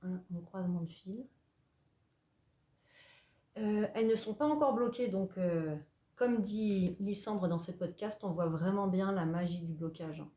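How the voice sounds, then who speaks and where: A woman's voice: medium pitch, measured pace, warm tone, echoey room. A young woman hosting a craft vlog from home, chatting casually with lots of hesitations and playful self-mocking asides. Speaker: knitting and sewing podcaster. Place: at home, indoors.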